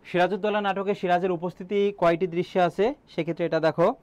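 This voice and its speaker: A man's voice: high voice, fairly even intonation, fast, a little mellow, dull audio. A young man teaching an online exam-prep class, quizzing students and repeating key answers, with frequent filler sounds.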